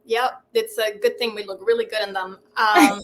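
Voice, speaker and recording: A middle-aged Swedish woman, a native speaker who founded a film festival, answers interview questions thoughtfully with many fillers and restarts. Her medium-pitched, fairly bright voice has fairly even intonation and a moderate pace, and the recording is rough.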